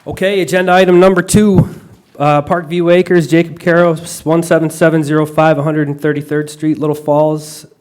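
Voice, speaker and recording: A man's voice: fairly high pitch, little pitch movement, darkish tone, smooth. Man chairing a hearing, courtroom-style recording. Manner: brisk, procedural, with filler "uh"s. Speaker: board chair. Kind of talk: formal meeting procedure.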